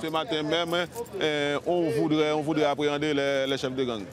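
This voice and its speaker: A man's voice: on the high side, level tone, moderate pace, a crowd in the background. A police commander interviewed on location outdoors, speaking hesitantly and repeating his words.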